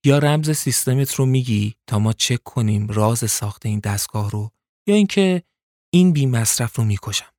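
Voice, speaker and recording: A man's voice: medium pitch, lively intonation, a little mellow, no room sound, clean studio sound, natural voice. A man voicing a cold, seductive female gang boss who mocks and threatens her captives. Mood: menacing. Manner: mocking, taunting, menacing.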